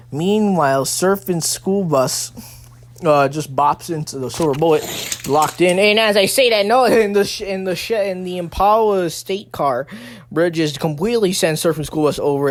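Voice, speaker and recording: A race commentator giving excited play-by-play, breaking into sudden exclamations, often stumbling, restarting phrases and correcting calls. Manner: excitable, bursts into high exclamations then settles.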